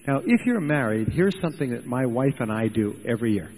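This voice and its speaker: A man giving a motivational seminar talk, speaking emphatically in short, measured phrases for an interpreter. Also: mid-range voice, animated, darkish tone, slightly rough, long reverb tail, rough recording.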